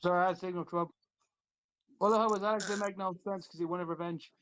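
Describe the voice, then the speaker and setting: A man's voice: high-pitched, steady tone, fast talker, fairly bright tone, slight background noise. A man bantering casually as a podcast co-host, playful and given to exclamations.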